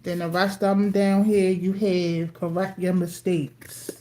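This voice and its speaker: Slow, mellow woman chatting on a live stream. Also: lowish voice, little pitch movement. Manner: chatty, eats while talking, addresses viewers as y'all. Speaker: tarot card reader. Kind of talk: casual livestream tarot reading. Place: at home with TV playing.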